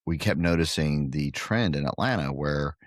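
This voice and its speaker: A man's voice: rumbling low, moderate pace, no echo, studio quality. A middle-aged man from Guatemala, a facility owner talking earnestly in a casual interview, with many fillers and restarts. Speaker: pickleball facility owner and podcast guest.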